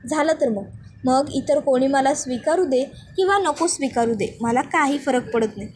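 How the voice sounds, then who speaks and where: Clingy, coaxing young wife with hidden motives, voiced by a woman; sweet, high. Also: moderate pace, a little mellow, a little hiss or hum, lightly acted.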